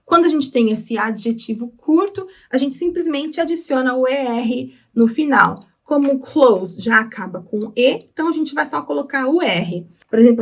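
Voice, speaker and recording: A woman with a Brazilian Portuguese accent teaching English through song lyrics, explaining patiently and slowing down on words. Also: on the high side. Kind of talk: explaining lyrics in a language lesson.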